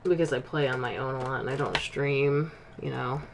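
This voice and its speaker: A man's voice: mid-range voice, fairly even intonation, moderate pace, gravelly. A man doing casual, joking commentary as he plays through a game. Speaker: gamer commenting on his playthrough. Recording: faint background noise.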